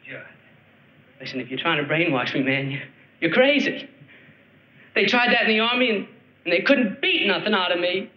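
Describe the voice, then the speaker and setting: A belligerent hot-headed brawler. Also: male voice, sits high, expressive, normal speed, pauses often. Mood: defiant. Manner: aggressive, insulting, threatening. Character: hot-headed tough male test subject, belligerent. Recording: echoey lo-fi old film soundtrack with music.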